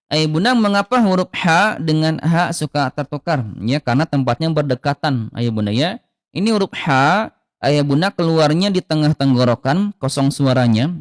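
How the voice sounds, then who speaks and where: A man teaching Quran reading in a live online lesson, patiently repeating Arabic letter sounds slowly as examples. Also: on the high side, no room sound, clean studio sound.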